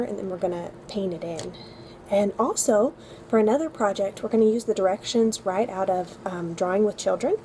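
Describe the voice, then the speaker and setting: A chatty, upbeat woman talks through her weekly tutor plans and fills her pauses with ums. Her voice is mellow and warm. A faint hiss of noise sits underneath. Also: medium pitch, rough recording. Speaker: homeschool co-op tutor. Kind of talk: casual lesson-plan walkthrough.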